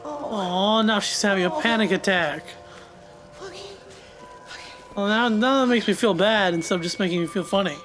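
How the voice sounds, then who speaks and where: A young man hosting a reaction video, talking back to the screen with quick asides and laughs. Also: high voice, music in the background. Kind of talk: casual reaction commentary.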